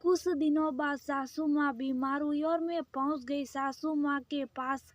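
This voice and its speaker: Slow, high-voiced woman storyteller. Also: steady tone, no room sound. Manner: first-person narration, voicing family members in quotes. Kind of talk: scripted story narration.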